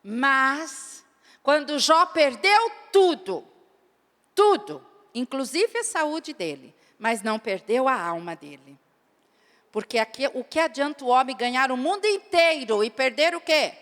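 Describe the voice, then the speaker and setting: A Brazilian woman preaches a sermon in a high, bright voice. She speaks slowly and emphatically and turns often to her listeners. Her words ring out with the long reverb of a church hall. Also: sing-song. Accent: Brazilian Portuguese. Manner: emphatic, addresses audience as "querida".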